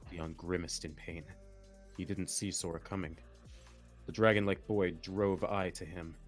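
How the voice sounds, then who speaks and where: This story reader has a deep, steady voice and takes things unhurriedly, with soft music underneath. They deliver fan fiction melodramatically, pausing to laugh and toss in jokey asides.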